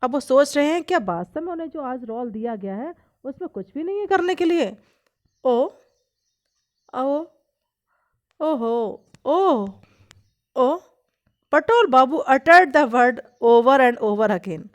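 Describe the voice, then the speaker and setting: A woman's voice: sits high, animated. A woman teacher, reading a story line by line and explaining each part in Hindi. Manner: reads English lines slowly, then explains in Hindi. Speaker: English teacher.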